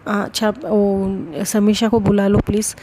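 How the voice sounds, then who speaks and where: A woman's voice: medium pitch, flat delivery, measured pace, warm tone, close to an everyday voice. A woman voicing an irritated, impatient young woman friend in a spoken love story.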